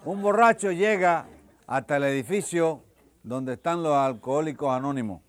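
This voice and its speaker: A man's voice: normal speed, a faint crowd. Man telling stand-up jokes. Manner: acts out characters, jumping loud and high for punchlines. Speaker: stand-up comedian.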